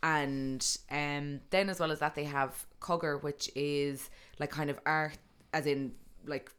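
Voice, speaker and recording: A woman with a low-pitched voice and a west of Ireland accent from Kerry. She talks like a radio presenter off duty, chatty and colloquial, telling stories with animation and self-deprecation. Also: steady tone, unhurried, a bit bright, clean tone. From Tralee, County Kerry, Ireland. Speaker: radio presenter and DJ, podcast guest. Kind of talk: casual chatty interview.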